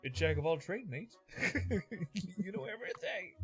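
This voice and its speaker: A man, hosting a live tabletop game stream in casual chat, excitable and quick to laugh. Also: sits high, husky, soft background music. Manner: excitable, laughs often, thanks viewers. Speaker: game master and stream host.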